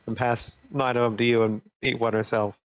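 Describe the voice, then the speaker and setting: A man's voice: mid-range voice, flat delivery, a little fast, dry recording. A man playing a tabletop game, laid-back and joking. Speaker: player.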